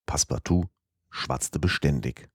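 A man narrating an audiobook in a steady, measured storytelling manner. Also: a bass voice, no echo, clean studio sound.

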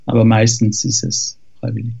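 Man, French accent, hesitant, fillers, mellow tone, muffled lo-fi sound. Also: medium pitch, monotone, moderate pace, gravelly, husky. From France. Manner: hesitant, many fillers and restarts. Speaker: guest, software developer. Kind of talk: casual podcast interview.

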